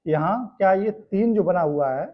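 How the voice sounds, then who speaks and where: A man's voice: high-pitched, expressive, normal speed. A male teacher from India explaining a grammar lesson step by step, often checking in with tag questions. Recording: dull lo-fi sound.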